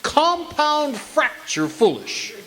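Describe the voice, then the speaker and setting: A man's voice: very high-pitched, sing-song, bright, forceful tone, exaggerated voice. A man plays a pompous small-town doctor in a radio comedy. He takes his time, swooping grandly through dry, sarcastic lines. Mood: droll, mocking. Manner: pompous, droll, measured mock grandeur.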